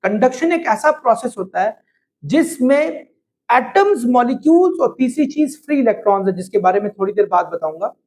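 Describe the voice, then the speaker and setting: A man's voice: very high voice, lively intonation, a little fast, a little mellow, low-quality recording. A man with a Pakistani Urdu accent teaching a physics class, explaining step by step and speaking straight to his students, slipping into English phrases. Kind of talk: classroom lecture.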